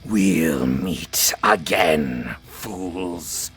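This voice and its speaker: Undead king, ancient, rasping, low-pitched, slow, ominous, scornful, fantasy game villain. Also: animated, fairly bright tone, faint music behind, exaggerated voice. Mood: menacing. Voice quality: deep rasping voice. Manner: slow, drawn-out ominous threats.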